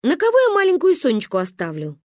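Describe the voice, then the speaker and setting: A woman's voice: high-pitched, wildly swooping pitch, fast, darkish tone, no room sound, clean studio sound, pitched above the performer's own voice. A woman voicing a timid young mother who pleads nervously. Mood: pleading.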